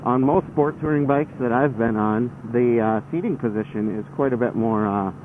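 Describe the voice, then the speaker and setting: Engine and road noise surround a male motovlogger who rambles casually and with some hesitation while on his bike. He speaks at a moderate pace with medium pitch, and the band-limited helmet mic makes him sound like he's on the phone.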